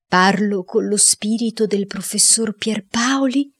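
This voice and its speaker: A woman's voice: medium pitch, measured pace, husky. A woman doing a solemn séance cook. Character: solemn, credulous male cook holding a séance.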